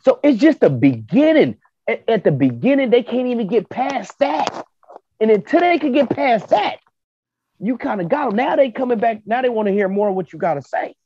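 Lively, husky-voiced man debating. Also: extremely high pitch, moderate pace, no echo. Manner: animated, argumentative storytelling with quoted back-and-forth. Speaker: podcast panelist. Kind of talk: casual chat. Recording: dull lo-fi podcast audio.

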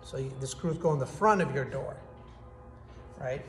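With a mid-range voice at normal speed and soft music playing in the background, a man in his thirties cheerfully reviews a product on camera in his workshop. He's enthusiastic and casual, using his hands to demonstrate. The hard-walled indoor space sounds echoey, and there's faint background noise.

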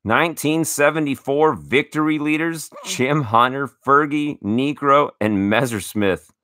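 Bright-voiced enthusiastic man, dry close sound. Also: medium pitch, unhurried, no echo. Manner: enthusiastic, grateful, stammering restarts. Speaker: card collecting show host. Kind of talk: casual card-opening chat.

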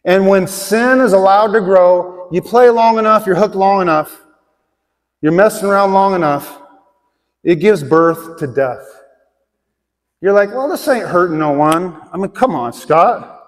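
A man's voice: high-pitched, measured pace. A middle-aged man preaching a conversational sermon to a congregation in a large church auditorium, asking them direct questions. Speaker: pastor. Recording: long hall reverb.

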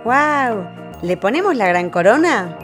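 A woman hosting a children's toy show with a bright, sing-song, exclamatory welcoming delivery. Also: on the high side, sing-song, measured pace, music in the background. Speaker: toy channel host.

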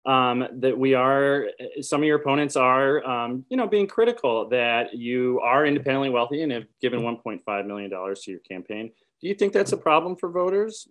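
A man's voice: medium pitch, lively intonation, brisk, few pauses, fairly bright tone. A man in his thirties asking questions in a conversational political interview over a video call from home. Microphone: video call, computer mic.

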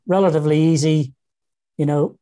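Northern Irish man in his sixties, mellow voice. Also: on the high side, fairly even intonation, normal speed. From Northern Ireland. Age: 60s. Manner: repeats words often, thinking aloud. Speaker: interview guest. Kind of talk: casual interview talk. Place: small room indoors. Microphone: video call webcam.

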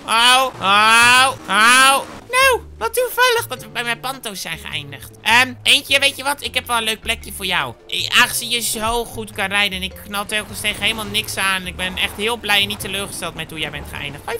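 A man voicing a goofy, cheerful male gamer character who chats to viewers during gameplay commentary, with game music playing behind. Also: sits high. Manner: chatty, talks to viewers, squeals when excited. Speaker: gaming YouTuber.

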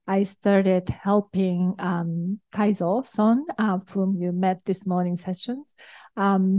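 Presenting as an investor in a conference hall, a middle-aged woman with a Japanese accent speaks in a warm, medium-pitched voice. She sounds hesitant, often saying um and restarting her sentences.

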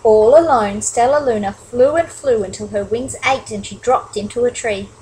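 A woman reading a children's picture book aloud, expressive, with chatty asides to young listeners. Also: fairly high pitch, moderate pace, a little hiss or hum, poor audio. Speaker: storybook reader. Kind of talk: children's story read-aloud.

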